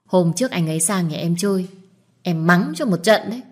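Here the same kind of role returns: a woman with a fairly low, expressive voice voices a nosy, blunt young woman in an audiobook. Indignant and pushy, the character pesters and scolds readily.

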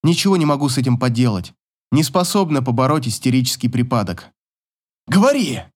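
A man's voice: medium pitch, fast. Man reading a first-person story. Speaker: audiobook reader. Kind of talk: scripted first-person narration.

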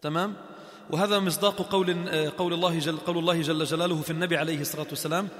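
A man with a Levantine Arabic accent teaching a mosque class, lively, acting out little scenes and quizzing his students. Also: a little high, very fast. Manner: animated, acts out little scenes and asks the class questions. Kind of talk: classroom religious lesson. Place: large echoey mosque hall. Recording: roomy hall reverb.

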